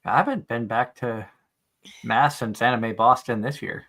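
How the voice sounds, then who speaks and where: A man with a bright, forceful voice and medium pitch hosts a casual stream. He chats and relays viewer comments conversationally. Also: moderate pace. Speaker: stream show host.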